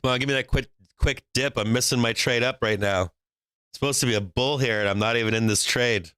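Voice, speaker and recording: A brash, joking stock-market livestream host from Boston, with a faint accent, laughs often between calls while trading live. His medium-pitched voice is fairly quick, smooth and a bit bright, with no room sound.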